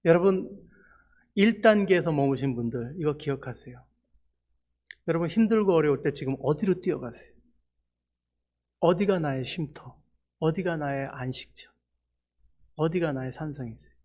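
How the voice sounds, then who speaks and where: A man's voice: on the high side, normal speed, pauses often. Emotional man preaching a testimony sermon. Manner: swings from soft, hushed prayer to loud, near-crying excitement. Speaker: missionary preacher. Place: church.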